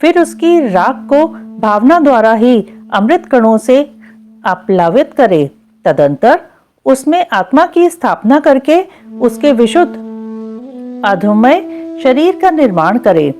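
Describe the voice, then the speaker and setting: Mellow lively woman reading scripture. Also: a little high. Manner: measured, chanting Sanskrit verses slowly. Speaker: scripture reader. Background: faint background music.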